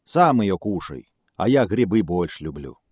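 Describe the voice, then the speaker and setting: A man voicing a big clumsy greedy bear from a fairy tale, gruff and bossy. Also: deep voice, big pitch swings, normal speed, a little mellow, no echo, clean studio sound, exaggerated voice. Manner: bossy, blustering.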